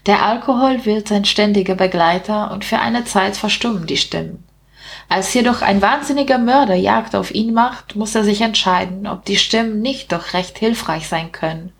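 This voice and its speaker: A woman reads a novel aloud, measured and even. Her voice sits at a middle pitch and keeps a calm storytelling flow. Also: gravelly. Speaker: audiobook reader.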